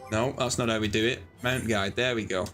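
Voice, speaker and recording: A man's voice: fairly low pitch, fairly even intonation, a little fast, a bit bright, soft background music. A man live-streaming a game, chatting casually in a rambling, self-deprecating way.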